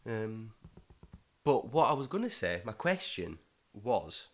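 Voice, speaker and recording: A man's voice: fairly low pitch, big pitch swings, slow. A man from Middlesbrough with a Teesside accent, hosting a casual podcast in an informal, rambling way. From Middlesbrough, England. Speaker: podcast host.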